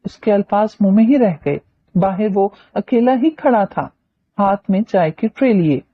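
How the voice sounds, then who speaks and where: A woman narrating a novel in an expressive storytelling voice. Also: mid-range voice, moderate pace. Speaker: audiobook narrator. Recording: dull lo-fi audiobook recording.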